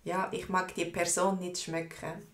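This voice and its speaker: Slow-spoken Swiss woman teaching. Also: fairly low pitch, level tone, reverberant. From Switzerland. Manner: slow, explanatory, repeats words for learners. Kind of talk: live online language lesson, reading viewer comments.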